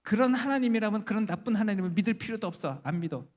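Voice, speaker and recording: A woman's voice: medium pitch, animated, fast, darkish tone, pitched above the performer's own voice, lightly acted. A man voicing a grieving, indignant mother. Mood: indignant, pleading. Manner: pleading and indignant. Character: grieving mother demanding answers from an angel. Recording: reverberant church chapel.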